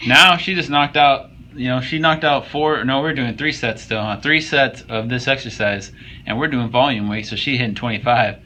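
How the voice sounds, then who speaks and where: Bright-voiced young man joking over gym clips. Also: mid-range voice, normal speed, low-quality recording. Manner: joking, profane, coaching tone. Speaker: fitness vlogger. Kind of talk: casual workout commentary over gym footage.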